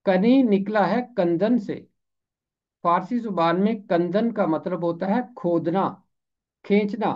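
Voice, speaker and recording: Here a man with a high, somewhat mellow voice gives an explanatory pronunciation lesson, carefully saying every word and slowly repeating it so listeners catch it. High frequencies are cut off in the recording.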